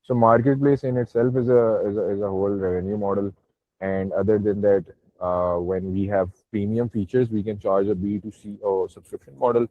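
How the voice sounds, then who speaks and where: Low-voiced Pakistani man on a tinny call. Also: steady tone, normal speed. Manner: hedging, peppers talk with "you know". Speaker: startup founder presenting and answering questions. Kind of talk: informal online Q&A, conversational. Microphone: online voice call. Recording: muffled phone-like call audio, roomy echo.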